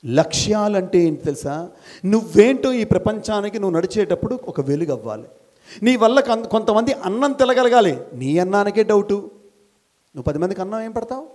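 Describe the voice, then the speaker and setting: A man's voice: high-pitched, big pitch swings, brisk. A middle-aged man, a school principal, gives a motivational talk to college students, firing questions at them and repeating phrases in rhetorical chains. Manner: fires questions at the audience and urges them to answer louder. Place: college hall before students.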